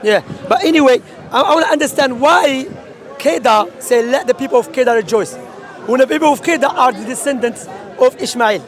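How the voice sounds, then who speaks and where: A man with an extremely high-pitched voice talks a little fast, preaching insistently over crowd chatter. He's a street preacher in a street debate, interrupting others and quoting scripture.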